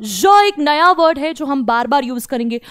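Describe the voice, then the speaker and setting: A woman teaching French to children in an online class. She repeats each word slowly and speaks to the children directly. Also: sits high, animated, a bit bright, no room sound, clean studio sound. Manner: slow, drawn-out repetition of each word.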